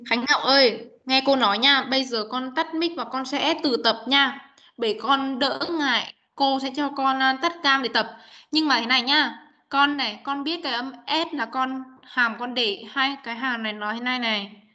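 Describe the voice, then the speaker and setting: A high-voiced woman teacher leads an online lesson, her tone bright and clear. She patiently coaxes her students and repeats each sound for them to copy. The video call audio is dull and muffled. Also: normal speed. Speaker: English teacher. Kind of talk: online class coaching pronunciation.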